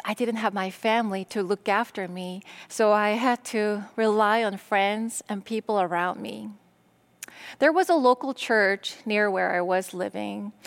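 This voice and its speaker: A middle-aged Korean woman pastor, a native Korean speaker with a medium-pitched voice, delivers a sermon. She speaks in slow, deliberate phrases separated by pauses.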